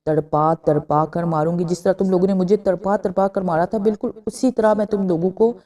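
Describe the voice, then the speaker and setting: A woman's voice: lowish voice, fairly even intonation, mellow, close to an everyday voice. A woman voicing a bitter, vengeful young female ghost in a spoken horror story. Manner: grim, threatening.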